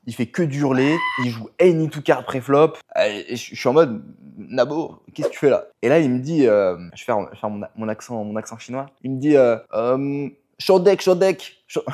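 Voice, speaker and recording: Man, mid-pitched, analytical vlog narrator with English poker jargon. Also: darkish tone. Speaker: poker player narrating his session.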